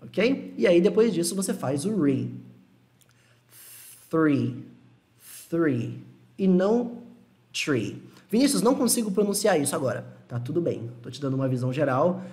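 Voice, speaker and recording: A young man teaching an online lesson, relaxed and reassuring, repeating words slowly to model pronunciation. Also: high-pitched. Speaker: English teacher.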